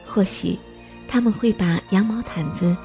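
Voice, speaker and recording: Mellow woman reading a storybook. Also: medium pitch, measured pace. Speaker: narrator. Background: faint music.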